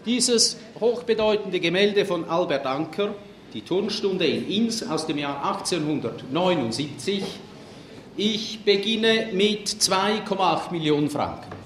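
A man's voice: high-pitched, expressive, unhurried, a bit bright. A man working as an auctioneer, calling and repeating bids formally in a live sale. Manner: formal, repetitive auctioneer's chant of figures. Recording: echoey auction room, faint background noise.

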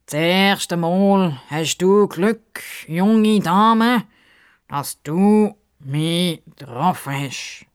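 Woman playing a crocodile, pompous, slow drawn-out talk, low voice, storybook. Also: smooth. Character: pompous self-important male crocodile.

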